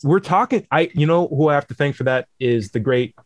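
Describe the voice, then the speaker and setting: A man's voice: fairly high pitch, expressive, a little fast, no echo. A man hosting a podcast, talking in a jokey, playful, teasing way. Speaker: podcast host. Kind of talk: casual podcast chat.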